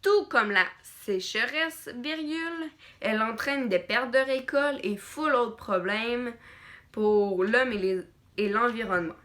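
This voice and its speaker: A woman teacher gives a dictation in a bright, fairly high voice. She moves very slowly and deliberately through the text, phrase by phrase, repeating and saying each punctuation mark out loud.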